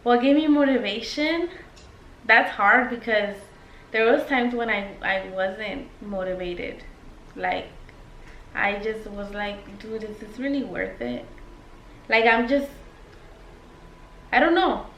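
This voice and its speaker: Tipsy girl vlogger rambling, sweary and slangy, highish voice, roomy sound w faint noise. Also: slow pace, long pauses, fairly bright tone, muffled recording. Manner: tipsy, loose rambling talk. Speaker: YouTube vlogger. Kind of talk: casual Q&A chat. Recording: echoey room with faint noise.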